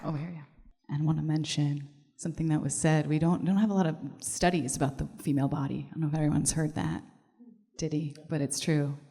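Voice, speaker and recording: A woman's voice: low voice, steady tone, fast talker, gravelly, dark tone. A woman facilitating a live group discussion at a conference, upbeat and encouraging. Her voice carries the long reverb of a conference hall. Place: conference room at a live event.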